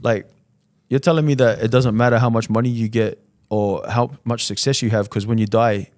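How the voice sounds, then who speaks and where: This medium-pitched male voice belongs to a Fijian entrepreneur guesting on a podcast, chatting casually with plenty of "man" and "you know" in his slangy speech. His intonation is fairly even, his speed normal and his tone a little mellow, in a studio-quality recording without echo.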